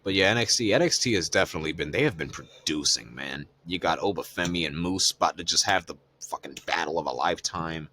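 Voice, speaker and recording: A man's voice: deep voice, fast, few pauses, bright, forceful tone, a little hiss or hum. A man co-hosting a podcast, recapping wrestling in loose, profane casual chat full of fillers. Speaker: podcast co-host.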